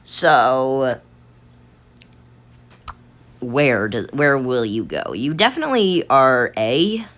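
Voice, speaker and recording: A woman with a strikingly low voice talks through a gaming tier list, thinking out loud. Her delivery wanders and restarts, full of fillers, while her pitch rises and falls in a lively, animated way. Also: slow. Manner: rambling, thinks aloud with many fillers and restarts. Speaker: gaming video creator. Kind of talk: casual tier-list commentary.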